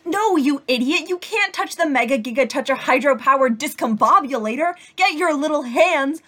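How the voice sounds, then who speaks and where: A touchy inventor superhero, played by a woman, snaps possessively at anyone near her gadgets. Her voice sits high and sharp with irritation. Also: animated, moderate pace. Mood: snapping. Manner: snappish, possessive. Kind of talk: amateur audio drama acting.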